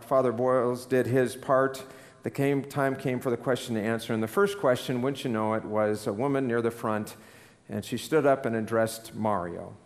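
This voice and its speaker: A man giving a sermon, telling a story in an earnest, unhurried way. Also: mid-range voice, long reverb tail. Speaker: preacher.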